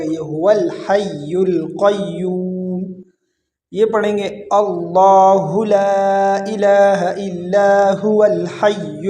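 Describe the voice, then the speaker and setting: A man teaching Quran recitation, alternating slow, drawn-out chanted verses with quick spoken explanations of pronunciation. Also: high-pitched, a little mellow, slight background noise.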